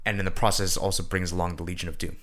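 Super deep voiced guy on a podcast, rambly, lots of uhs. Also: little pitch movement, racing, a bit bright. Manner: rambling, hedging, many fillers. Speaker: podcast co-host. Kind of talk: casual chat.

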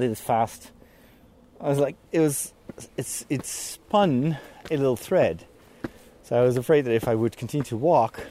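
Man, walking vlog, outdoors in woods, out of breath, warm mellow tone, rambling asides. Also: medium pitch, slight background noise. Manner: rambling, self-deprecating asides. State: tired, out of breath. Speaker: priest and vlogger. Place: outdoors in woods, climbing a hill.

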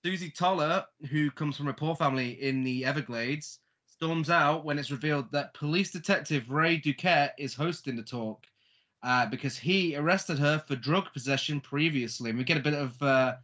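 Male host, somewhat high, bright forward tone, casual film talk and recaps. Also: normal speed, dull audio. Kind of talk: casual chat with plot recap.

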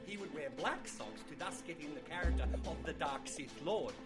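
Guy doing a pompous know-it-all quiz contestant, really animated pitch, music going behind, comedy improv. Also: brisk, natural voice. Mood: pompous, eager. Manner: pompous, theatrical, mock-erudite. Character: pedantic, pompous male quiz contestant full of trivia.

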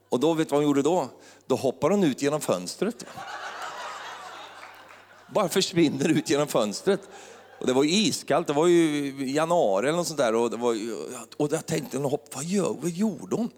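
A middle-aged man, a preacher telling a funny personal story in a sermon, chuckling as he goes and building up to excited praise. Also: medium pitch. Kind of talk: humorous sermon testimony. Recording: long hall reverb.

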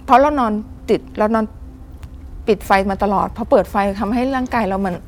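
A woman's voice: on the high side, brisk. A woman calling in to tell a personal story. She speaks politely and animatedly, often addressing the host, and acts out voices as she goes. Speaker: caller sharing a personal experience. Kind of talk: vivid spoken storytelling.

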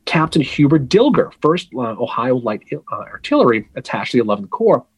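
Lively, husky man telling history. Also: mid-range voice, a little fast, no room sound. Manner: lively storytelling, wry asides. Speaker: podcast co-host. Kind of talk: casual history podcast chat.

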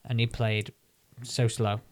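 A man's voice: medium pitch, little pitch movement, slow, no echo. A man with a Mancunian accent co-hosting a golf podcast, telling anecdotes in a casual, matey, slangy way with mild swearing. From Manchester area, England.

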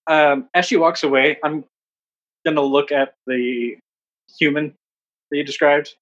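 A man's voice: a little high, fairly even intonation, a little slow, fairly bright tone. A man playing a tabletop game, chatting casually as he role-plays, on a slightly muffled recording.

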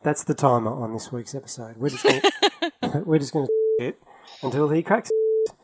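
Co-hosting a casual podcast while travelling in London, a man tells lively travel stories, chatting and laughing often. His voice is medium-pitched at a moderate pace, and the poor audio is thick with crowd noise.

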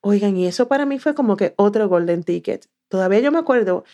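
A woman from southern Puerto Rico with a Puerto Rican accent, a podcast guest telling her story in a lively way and acting out what she once said. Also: medium pitch, fast. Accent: Puerto Rican Spanish. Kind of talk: casual interview.

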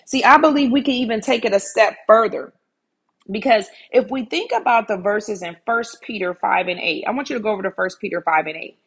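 A woman's voice: medium pitch, a little fast, a bit bright, husky. A woman preaching a sermon in an earnest way, repeating key phrases for emphasis.

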